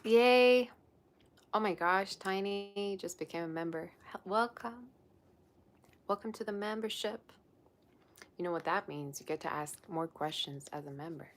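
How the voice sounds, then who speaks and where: A young woman who does psychic tarot readings chats casually on a livestream, reading viewer comments aloud. Her voice is medium-pitched and her pace measured. She's chatty and rambling, filling her speech with lots of "like."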